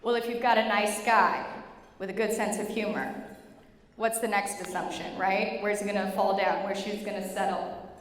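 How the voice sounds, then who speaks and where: A young adult woman giving a humorous prepared wedding speech as maid of honor, with animated, joking storytelling and dramatic pauses. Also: mid-range voice. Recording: echoey reverberant hall with clear noise.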